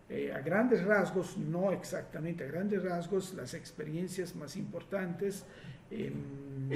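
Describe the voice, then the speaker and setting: An Italian man speaks Spanish with an Italian accent, answering listener questions as a regression therapist in a reflective, explanatory way with many pauses. His voice is fairly high, creaky and darkish in tone. The sound is roomy with slight background noise.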